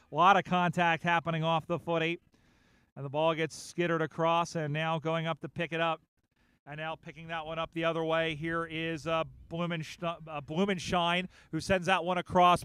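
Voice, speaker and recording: Man, sports commentator, live play-by-play, slightly high voice, close dry mic. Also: clean tone, no room sound. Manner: rapid play-by-play, rising excitement on big plays. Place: outdoor sports field.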